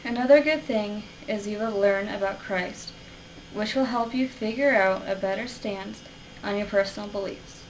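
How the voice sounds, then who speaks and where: A woman's voice: mid-range voice, moderate pace. A young adult woman student giving an earnest, structured persuasive speech for a class. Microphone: camera at a distance. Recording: distant camera with faint hiss.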